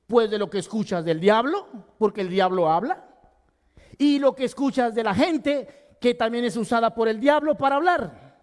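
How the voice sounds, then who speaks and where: A male pastor preaching a sermon with passion, swinging from loud emphasis to hushed tones. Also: very high voice, lively intonation, normal speed. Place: church sanctuary. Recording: long hall reverb.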